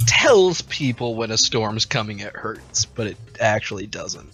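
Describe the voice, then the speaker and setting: A man's voice: on the low side, very animated, measured pace, fairly bright tone, faint music behind, low-quality recording. A man playing a tabletop game, easygoing and laughing as he describes his character. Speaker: player. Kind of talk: casual tabletop game play.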